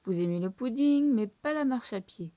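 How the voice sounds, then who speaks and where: A brisk, self-assured mouse detective from a storybook, bright-pitched and quick to explain, as a woman reading aloud puts him on. The voice sits somewhat high and mellow, recorded close and dry. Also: lively intonation, no echo, natural voice. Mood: confident. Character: clever excitable male mouse detective.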